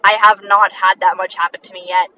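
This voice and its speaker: Chatty teenage girl, bright voice. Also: lowish voice, flat delivery, far from the mic, a little hiss or hum, low-quality recording. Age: teens, sixteen. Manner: chatty, many likes, quick laughs, self-deprecating. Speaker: podcast host. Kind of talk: rambling casual monologue.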